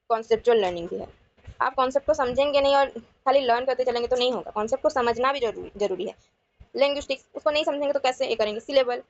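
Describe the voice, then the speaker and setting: A woman teacher solving past exam questions in a lecture, reading questions out slowly and then explaining quickly in mixed Hindi and English, asking viewers to answer. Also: on the high side, no room sound. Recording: dry, dull lo-fi sound.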